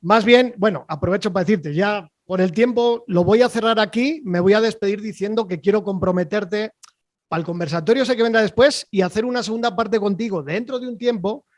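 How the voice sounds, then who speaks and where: A man with a fairly high voice hosts an online interview from a video call, talking in a loose, chatty way with plenty of fillers. His sound is dry and close, with no room around it. He keeps checking in with his guest as he goes. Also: a little fast, no echo. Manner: chatty, rambling, with frequent fillers and "¿vale?" tags. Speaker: host.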